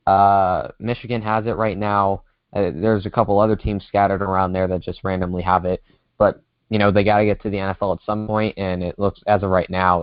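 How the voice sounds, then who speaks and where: A man's voice: low-pitched, no room sound, dull audio. A male podcast co-host in casual sports chat, ranting heatedly and swearing, heard over a remote call that cuts out. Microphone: remote call with a dropping connection.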